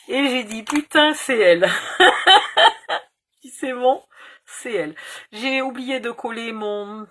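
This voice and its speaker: In this crafting tutorial, the host is a woman in her fifties whose voice is on the low side yet fairly bright in tone, with slight background noise. She chats casually while crafting, rambling through a story and dropping casual swear words.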